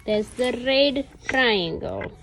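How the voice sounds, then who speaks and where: A mother speaks to her toddler as if reading to a small child. The woman's voice sits a little high and moves at a very slow pace, with simple questions and encouragement. Music plays clearly in the background. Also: fairly bright tone. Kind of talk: teaching a toddler shapes and colors through play.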